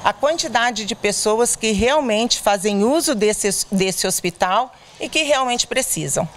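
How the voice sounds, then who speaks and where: A woman's voice: on the high side, lively intonation, unhurried. A middle-aged woman volunteer interviewed at a charity bazaar, explaining earnestly with frequent hesitations into a handheld mic. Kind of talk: on-camera interview. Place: indoors at a clothing bazaar. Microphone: handheld reporter mic.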